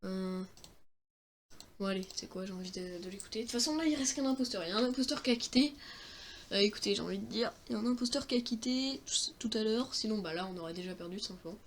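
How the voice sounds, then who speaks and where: A young man with a high, light voice keeps up a stream of joking, self-mocking commentary while playing a video game. He talks straight to his viewers with quick exclamations, and faint keyboard clicks and typing sit under his voice. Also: fairly bright tone, slight background noise. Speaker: gaming streamer. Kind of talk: let's-play commentary.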